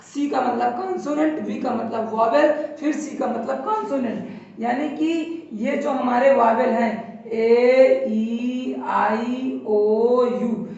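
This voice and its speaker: Grammar teacher, woman, drawn-out patient delivery, distant dull lo-fi recording with heavy room echo. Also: a little high, creaky, a little mellow. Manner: slow, repetitive explaining at a board. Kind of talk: classroom grammar lesson.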